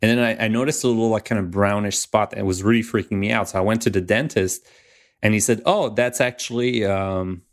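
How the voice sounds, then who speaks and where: A man's voice: on the low side, a little fast. A man chatting casually on a podcast, telling rambling personal anecdotes.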